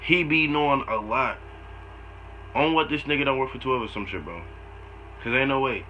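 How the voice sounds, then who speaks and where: A man's voice: mid-range voice, normal speed. A man reacting casually in profane street slang, incredulous and repeating himself as he comments. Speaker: reaction video host. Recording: dull lo-fi audio with clear noise.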